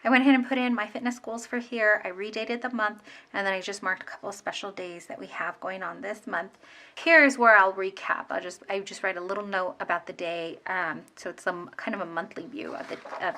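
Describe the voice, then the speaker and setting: A woman's voice: mid-range voice, normal speed, sharp tone. A woman in her thirties chatting casually as she sets up her planner at home, rambling with fillers and restarts. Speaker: planner vlogger. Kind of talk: casual plan-with-me narration.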